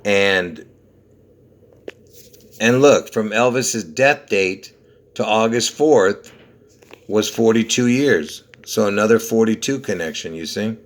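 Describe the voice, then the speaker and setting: Speaking slowly with frequent pauses and a fairly low pitch, this video host from Lebanon guides viewers through conspiracy numerology. His walkthrough is rambling and insistent, peppered with checks like "okay?" and "you see?"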